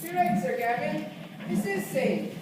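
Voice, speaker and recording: A woman's voice: high-pitched, big pitch swings, unhurried. A woman, playing a cocky but jumpy young prince in an amateur church play, talks boastfully and whines nervously. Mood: bratty. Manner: boastful then nervous, whiny. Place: church stage. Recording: echoey room from far off with loud noise.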